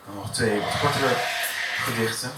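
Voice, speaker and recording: A man recites his own poetry in a café, pacing each line with measured, deliberate pauses. His voice sits mid-range and comes from well back in an echoey room. A steady hiss of noise runs under it. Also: medium pitch, over loud music. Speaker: poet. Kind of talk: poetry reading at a live event. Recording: echoey room from far off, noisy.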